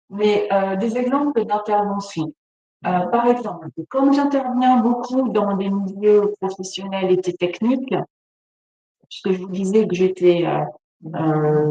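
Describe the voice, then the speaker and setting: A woman's voice: medium pitch, warm tone. A woman presenting a webinar, speaking spontaneously with many fillers and restarts. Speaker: webinar presenter, business facilitator. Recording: distant mic in echoey room, faint noise.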